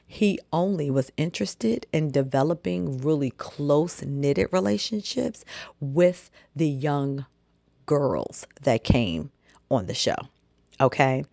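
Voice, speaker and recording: A woman hosting an online commentary show talks in a casual, animated way. Her voice sits low with a gravelly, mellow tone. The recording is close and dry. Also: slow, no echo. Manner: animated, conversational, frequent "okay?" check-ins. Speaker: commentary channel host.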